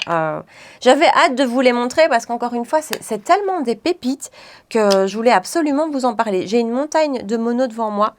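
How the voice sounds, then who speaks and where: French-accented woman vlogger, slightly high voice, gushing casual haul talk. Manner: enthusiastic, chatty, many fillers. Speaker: beauty vlogger. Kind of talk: casual makeup haul chat.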